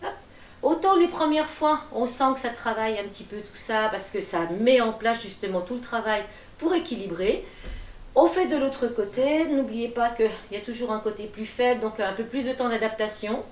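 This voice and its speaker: A middle-aged woman with a high voice gives calm, encouraging, folksy cues for a gentle seated workout. She sits well back from the camera, and her voice rings through an echoey room. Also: moderate pace, distant mic. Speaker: gentle gym instructor. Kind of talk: guiding a seated exercise class. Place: attic room at home, indoors. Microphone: far camera.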